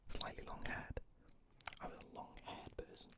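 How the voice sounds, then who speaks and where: Guy doing a whispered asmr ramble right up in your ear, no voice at all just breath, kinda hesitant. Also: normal speed. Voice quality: unvoiced whisper, close in the ear. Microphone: close ear-to-ear ASMR microphone.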